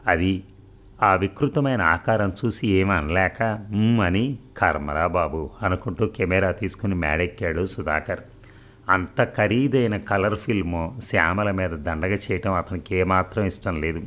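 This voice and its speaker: A man narrating a novel aloud in a steady, even reading manner. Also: sits low, measured pace. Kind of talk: scripted audiobook narration.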